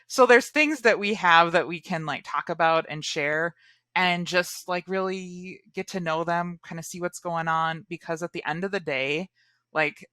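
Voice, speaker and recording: A woman, a high school English teacher, chatting as a guest in an interview, filling her talk with "um" and "like". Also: bright, forceful tone, no echo, clean studio sound. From United States. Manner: chatty, lots of fillers like "um" and "like". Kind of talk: casual interview chat.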